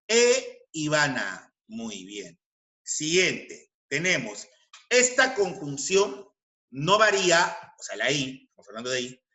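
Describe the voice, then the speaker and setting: Slow, emphatic male teacher in a roomy space. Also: a little high, pushed and bright. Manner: slow and deliberate, repeating each example with emphasis; addresses students with rhetorical questions. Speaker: language teacher. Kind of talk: recorded grammar lesson.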